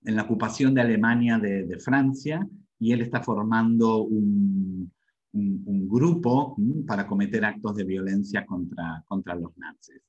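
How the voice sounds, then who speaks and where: A man's voice: fairly low pitch, measured pace, a little mellow, breathy edge, lo-fi sound. A man giving a webinar lecture on learning English, repeating himself and checking in with the audience often.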